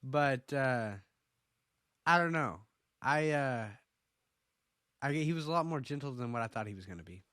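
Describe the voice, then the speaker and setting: A man's voice: mid-range voice, lively intonation, normal speed, pauses often, a bit bright, no room sound, clean studio sound. A man from Oklahoma co-hosting a casual TV episode review, opinionated and rambling, with frequent restarts. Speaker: podcast co-host.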